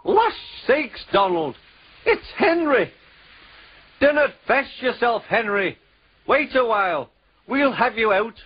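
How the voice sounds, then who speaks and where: A man's voice: very high-pitched, sing-song, slow, pauses often, slight background noise, voice pushed up, full character voice. A man voicing a pair of hearty Scottish twin engines with a broad, burred brogue. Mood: cheerful. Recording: dull lo-fi with music.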